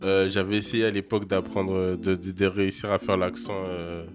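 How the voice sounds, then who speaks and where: Low-voiced halting man. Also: flat delivery, soft background music. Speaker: guest. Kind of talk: casual group chat.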